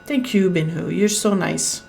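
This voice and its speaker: A French Canadian woman with a French first language chats with viewers as she plays, reading on-screen text along the way. Her voice sits low and has a gravelly, fry-tinged edge. She jokes easily between lines. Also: fairly even intonation, unhurried, a little mellow, faint music behind. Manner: chatty, joking, chatting with viewers. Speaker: game streamer. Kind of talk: casual let's-play commentary and reading game text aloud.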